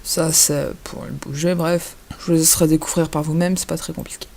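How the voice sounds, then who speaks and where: A man giving a casual, hesitant software tutorial over a screen recording, filling his pauses with little interjections. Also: fairly high pitch, steady tone, gravelly. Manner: hesitant, chatty, fills pauses with "hop" and "voilà".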